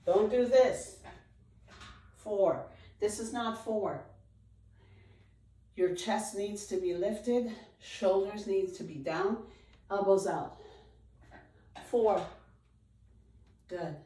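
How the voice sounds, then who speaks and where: A woman's voice: mid-range voice, very slow, pauses often, mellow. A woman leading an exercise class as an aerobics instructor, giving short encouraging commands, counting reps and cueing form. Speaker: fitness instructor leading a chair workout. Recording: roomy echo, distant microphone.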